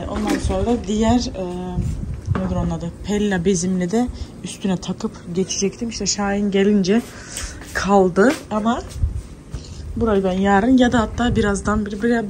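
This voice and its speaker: A Turkish-accented mother in her thirties vlogs casually from home, talking to viewers as she cleans and calls out to her kids. Her voice is medium-pitched, with background noise around her.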